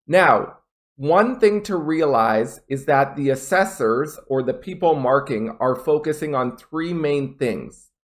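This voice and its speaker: A man teaching an online English test lesson, speaking clearly and deliberately and exaggerating rising intonation to demonstrate. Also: mid-range voice, animated.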